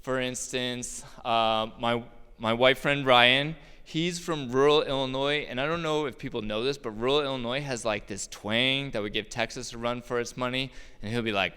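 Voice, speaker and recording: Man with a smooth voice in a reverberant hall. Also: mid-range voice, normal speed, pushed and bright. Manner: casual, joking, many fillers and laughs. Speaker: roofer telling a personal story. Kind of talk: personal storytelling talk on stage.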